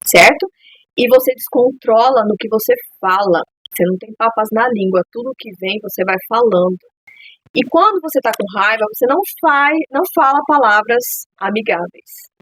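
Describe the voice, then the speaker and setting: A woman's voice: a little high, animated, moderate pace, a bit bright, poor audio. A woman hosting a parenting talk, speaking in an earnest, heartfelt way and repeating phrases for emphasis. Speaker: podcast host speaking to parents. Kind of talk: earnest advice monologue.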